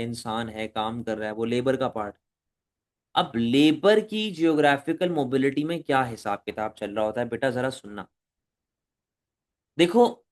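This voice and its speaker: A man giving an economics lecture, talking to students as "beta", asking rhetorical questions and mixing in English terms. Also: a little high. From Pakistan. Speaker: economics teacher. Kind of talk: recorded lecture.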